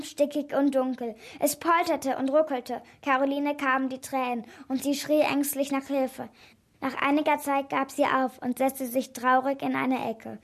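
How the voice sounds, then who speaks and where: High-voiced woman reading a children's story. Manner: clear, expressive storybook reading.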